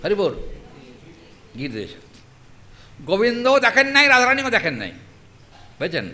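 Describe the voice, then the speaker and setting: A man's voice: sits high, wildly swooping pitch, moderate pace, pushed and bright. A man with a Bengali accent, preaching a devotional storytelling sermon and putting questions to his audience.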